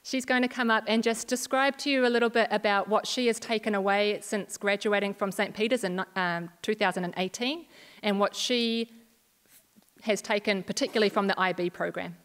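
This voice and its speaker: A woman school coordinator, explaining a program to parents and students in a measured way. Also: medium pitch, fairly even intonation, a bit bright, smooth. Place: school hall. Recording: long hall reverb.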